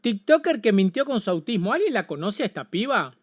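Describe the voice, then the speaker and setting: Excitable Argentine man streaming. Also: sits high, brisk, background noise. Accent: Argentine Spanish. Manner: excitable, swears a lot, exclaims and repeats himself. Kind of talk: casual livestream reaction.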